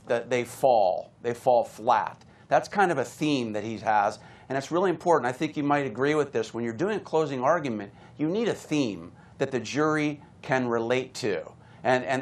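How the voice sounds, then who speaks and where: A man speaking as a courtroom lawyer in live legal commentary, arguing point by point and repeating words for emphasis. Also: medium pitch. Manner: emphatic repetition of words and phrases. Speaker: criminal defense attorney giving legal analysis.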